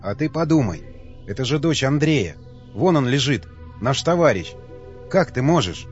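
A man voicing a distraught, desperate young man in an audiobook, pleading and shouting. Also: mid-range voice, sing-song, normal speed, soft background music, lightly acted. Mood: desperate angry. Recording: dull lo-fi sound.

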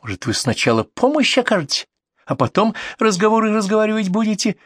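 A man voicing a spiteful, shrill female neighbor who mocks and shrieks sarcastically, with a dry sound. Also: sing-song, moderate pace, dry recording.

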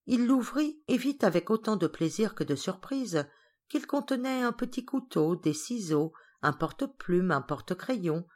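A woman narrating a classic children's novel as an audiobook reader, calm and even. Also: medium pitch, a little slow.

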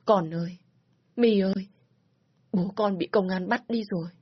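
A woman's voice: mid-range voice, measured pace, husky, no echo, lo-fi sound. A woman voicing a middle-aged mother in tears in a spoken story, her voice breaking. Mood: distraught. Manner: tearful, voice breaking.

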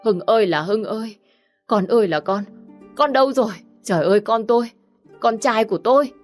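Woman putting on a shrill wailing older mother. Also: fairly quick, soft background music, close to an everyday voice. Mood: wailing, frantic. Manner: shrill, sobbing, lamenting. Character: wailing hysterical middle-aged mother.

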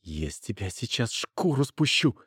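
A man voicing a young trader's son, a smooth but quick-tempered talker. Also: mid-range voice, very animated, fairly bright tone, no room sound, studio quality, exaggerated voice. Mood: pleading.

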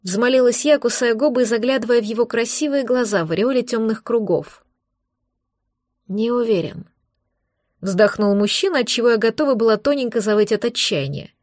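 A woman reading first-person audiobook narration in a steady storytelling manner. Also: fairly high pitch, fast, hardly any pauses, no room sound, studio quality.

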